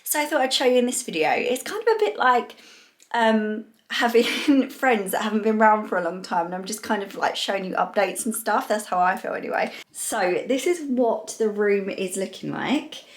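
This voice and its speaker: A young woman chats her way through a home vlog. She rambles happily with plenty of fillers, her voice sitting at an ordinary middle pitch, recorded close on a handheld camera indoors. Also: moderate pace. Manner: chatty, rambling, many fillers. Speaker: lifestyle vlogger. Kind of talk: casual vlog chat.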